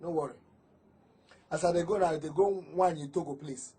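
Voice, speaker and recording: A man's voice: a little high, brisk, dark tone, slightly rough. A man with a Nigerian accent playing a cranky husband in a film drama, complaining as he talks. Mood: grumbling. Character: grumbling hungry husband, cranky. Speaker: film actor.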